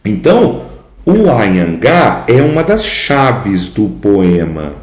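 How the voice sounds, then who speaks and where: A man's voice: on the low side, sing-song, slow, a little mellow. A man with a Brazilian Portuguese accent, teaching literature in a recorded lecture, chanting the beats of verse and quizzing his viewers. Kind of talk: recorded video lecture on poetry. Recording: echoey room.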